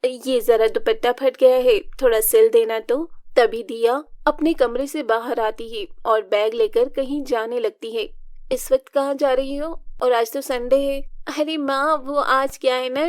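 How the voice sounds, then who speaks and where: Expressive woman reading a family story. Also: sits high, no echo, studio quality. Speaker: narrator voicing all women. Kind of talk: storybook narration with character voices.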